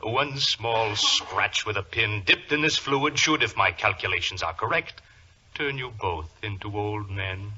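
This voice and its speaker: Villainous professor, courteous and gloating, lively intonation, hissy band-limited 1940s radio recording. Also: male voice, on the low side, lo-fi sound, full character voice. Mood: gloating menace. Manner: polite, deliberate, gloating. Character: suave villainous professor, scheming and menacingly courteous. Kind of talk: 1940s radio drama acting.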